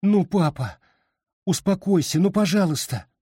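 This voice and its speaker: A man's voice: fairly high pitch, a little slow, darkish tone, slightly rough, no echo, studio quality, distant mic, pitched above the performer's own voice. A man voicing a frightened young woman who cries out in tears. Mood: tearful. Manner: crying out, tearful.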